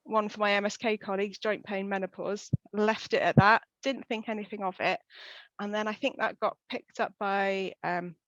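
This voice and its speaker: A woman's voice: medium pitch, steady tone, normal speed, fairly bright tone, dry recording, muffled recording. A woman with a Welsh accent, a pelvic health physio, chatting casually in an interview with lots of fillers. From West Wales. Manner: chatty, frequent fillers, quoting herself.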